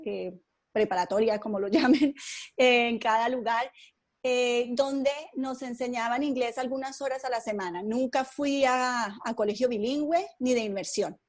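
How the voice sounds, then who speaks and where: A woman from Colombia, a podcast guest, telling her story in an unhurried, thoughtful way with frequent fillers. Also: on the high side, darkish tone. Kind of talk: conversational interview.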